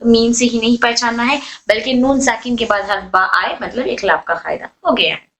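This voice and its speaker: A woman's voice: a little high, fairly quick, a bit bright, poor audio. A woman teaching a recitation lesson, explaining patiently and repeating and drawing out the example sounds. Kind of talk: online tajweed lesson.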